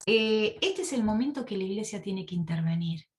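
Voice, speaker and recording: A woman's voice: medium pitch, normal speed. Woman teaching a women's Bible study. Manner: animated storytelling, rhetorical questions. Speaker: women's service speaker. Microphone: video call.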